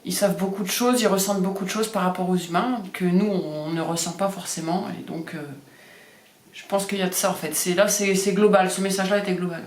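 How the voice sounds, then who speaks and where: A woman's voice: on the low side, fairly even intonation, fairly quick, darkish tone. A woman doing a casual card reading, talking hesitantly with many fillers and repeating the card words. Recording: echoey room.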